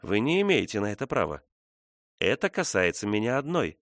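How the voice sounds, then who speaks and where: A man's voice: fairly low pitch, very animated, fairly quick, fairly bright tone, no echo, clean studio sound. A man reading the part of a spirited young woman in an audiobook, teasing and defiant. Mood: firm. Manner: teasing, challenging.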